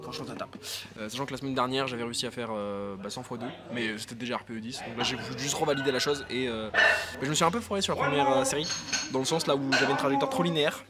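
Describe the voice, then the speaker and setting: A man with a hoarse, worn-out voice chatting casually about his training session, with plenty of fillers and gym slang. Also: medium pitch, fairly even intonation, racing. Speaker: powerlifter filming a training vlog. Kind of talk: casual post-workout vlog chat. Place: busy indoor gym. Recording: loud crowd noise in a gym. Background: loud crowd cheering in the gym.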